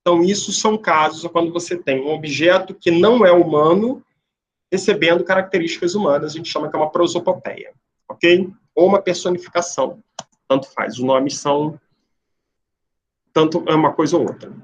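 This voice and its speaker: A man's voice: a little high, a little fast, dull audio. A man teaching a remote language class, explaining step by step and checking in with "né?" and "ok?" often. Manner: explanatory, asks "né?" and "ok?" often, with frequent restarts.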